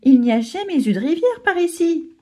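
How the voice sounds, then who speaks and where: A woman reading a storybook aloud, voicing a high-strung young female cheetah. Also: sing-song, normal speed, warm tone. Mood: alarmed.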